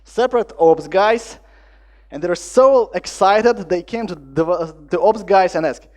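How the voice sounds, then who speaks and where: Male conference speaker, higher voice, animated storyteller. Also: measured pace. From Latvia. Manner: lively storytelling with acted-out dialogue and non-native phrasing. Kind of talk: conference talk.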